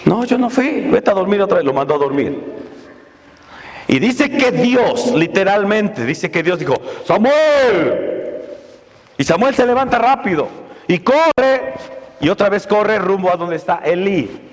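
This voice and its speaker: A man's voice: high-pitched, very animated, normal speed. A man preaching a sermon as pastor, often asking the congregation rhetorical questions. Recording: long reverb of a church hall.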